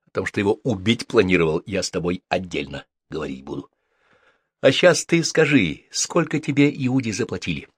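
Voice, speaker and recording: A man's voice: low-pitched, very animated, moderate pace, breathy edge, no room sound, exaggerated voice. A man voicing a hot-tempered older brother who speaks with bitter, scornful anger. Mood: angry bitter. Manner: angry, shouting, scornful.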